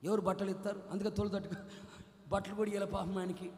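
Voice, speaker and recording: High-voiced pastor preaching in echoey hall. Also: male voice, level tone, fast talker. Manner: swings between quiet explaining and shouted preaching, many rhetorical questions. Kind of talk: Christmas sermon. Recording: echoey hall with long reverb.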